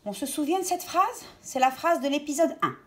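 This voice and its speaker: A woman gives young children a reading lesson, slowly and deliberately stressing and repeating every word. Her voice is high-pitched with lively intonation.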